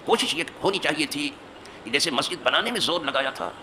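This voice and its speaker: A man with a fairly high voice and lively intonation preaches a hadith sermon as an imam from a mosque pulpit, over a noisy background. He is emphatic, fills his talk with rhetorical questions, and builds to forceful peaks.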